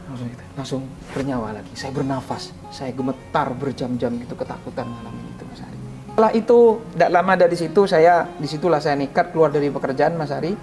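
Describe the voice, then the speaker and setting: An earnest man, a guest ustadz in an interview, shares a moving personal story. When he comes to recalling prayers, his voice lifts high.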